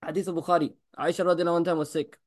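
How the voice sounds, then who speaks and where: A man's voice: a little high, little pitch movement, a little mellow. A man giving a religious talk as a teacher, preaching emphatically with frequent rhetorical questions to the audience and repeated blessings. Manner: rapid, emphatic preaching with blessings on the Prophet woven in.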